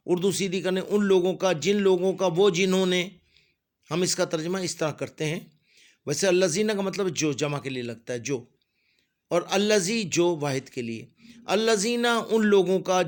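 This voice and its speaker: In this Quran lesson, a middle-aged man with a high voice draws out each word slowly as he recites it. He follows each one with a fast, simple explanation of its meaning.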